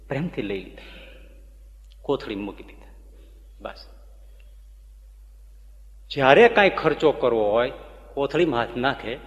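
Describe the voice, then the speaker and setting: A man giving a devotional sermon as a swami, telling stories with animated emphasis. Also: mid-range voice. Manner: animated storytelling, rising with emphasis. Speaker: swami preacher. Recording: echoey hall, dull lo-fi sound.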